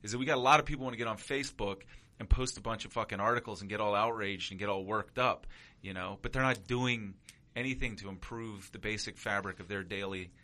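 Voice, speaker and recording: A man's voice: on the low side, fast, pushed and bright. A man in casual chat, speaking emphatically with plenty of swearing. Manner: emphatic, preachy, heavy swearing.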